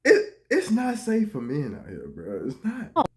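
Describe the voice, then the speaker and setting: Man, high voice, reaction commentary, casual and profane, swings between mutters and outbursts. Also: measured pace, faint music behind. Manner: animated, profane, swings from mumbling to loud outbursts.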